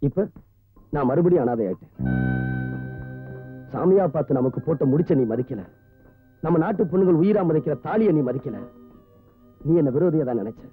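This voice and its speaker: An actor playing a hurt orphaned husband, speaking low and reproachfully. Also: male voice, animated, normal speed, pauses often, close to an everyday voice. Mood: wounded. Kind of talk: 1990s film acting. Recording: tinny lo-fi film soundtrack with music.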